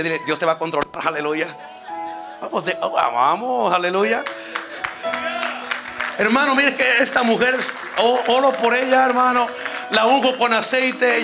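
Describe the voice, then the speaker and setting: A man preaching a Pentecostal-style sermon, shouting out some lines and dropping others low, often breaking in with "aleluya". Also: creaky. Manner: impassioned, swings between shouting and low hushed lines.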